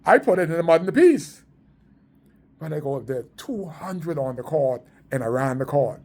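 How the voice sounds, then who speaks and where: A man's voice: a little high, animated, moderate pace, darkish tone. A middle-aged Bahamian man with a Bahamian accent, telling community stories in an emphatic, repetitive, preaching way. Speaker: community sports organizer. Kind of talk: storytelling monologue.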